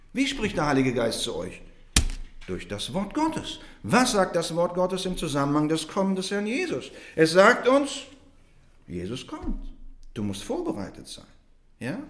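A man preaching a sermon to a congregation, telling a story with animated delivery and addressing them directly. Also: on the high side, reverberant.

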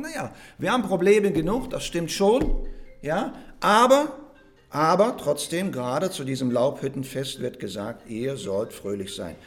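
A man preaching a sermon in German, emphatic and conversational, often checking in with the congregation with short asides. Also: medium pitch. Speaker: pastor.

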